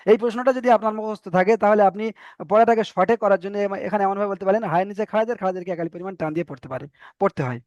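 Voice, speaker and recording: A man with a fairly high voice teaches Quran reading online, drilling letters and vowel marks again and again. His delivery is patient and steady. The sound is dry and a little dull, like a lo-fi call recording. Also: very fast, dry recording. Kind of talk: online Arabic reading lesson.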